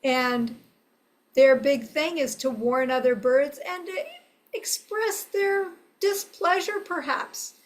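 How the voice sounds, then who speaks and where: An older woman presenting a simple, friendly lesson for children in a deliberate way, with frequent pauses. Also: high-pitched. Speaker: presenter teaching bird calls.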